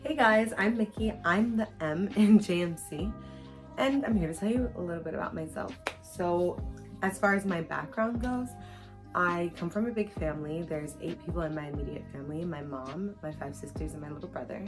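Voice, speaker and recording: Young female podcast host, slightly low voice, casual self-introduction, music behind her. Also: moderate pace. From New York and Costa Rica.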